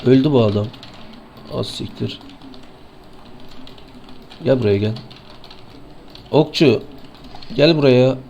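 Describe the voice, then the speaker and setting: A man with a Turkish accent streaming an online game, sleepy and excitable, swearing and taunting opponents as he plays. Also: mid-range voice, takes it slowly, long pauses, muffled recording, a little hiss or hum. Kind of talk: live gameplay commentary.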